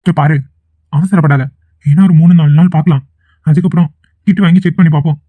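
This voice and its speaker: A man's voice: sits high, brisk, darkish tone, dry recording. A man voicing an impatient young male student. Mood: impatient, dismissive. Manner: dismissive, impatient. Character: defensive young male college student, dismissive. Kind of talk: cartoon voice acting.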